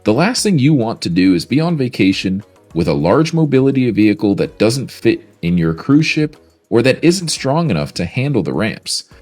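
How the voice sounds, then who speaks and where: This Florida man fronts a scripted mobility scooter product video, selling it with upbeat energy and lively intonation. He speaks at medium pitch and moderate pace, with faint music behind him.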